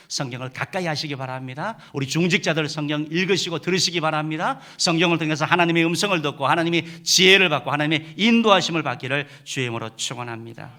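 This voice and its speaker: A man's voice: on the high side, bright, forceful tone. A middle-aged man preaching a sermon as senior pastor, emphatic and full of filler "uh"s.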